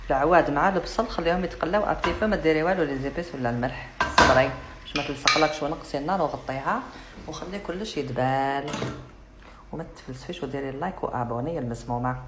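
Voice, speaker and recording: Sassy low-voiced Algerian woman cooking. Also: rapid-fire, background noise. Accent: Algerian Arabic. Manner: chatty and sassy, teasing the viewer, slips into French. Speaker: cooking vlogger. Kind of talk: casual cooking demonstration. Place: home kitchen with food frying. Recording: echoey kitchen, loud sizzling pan.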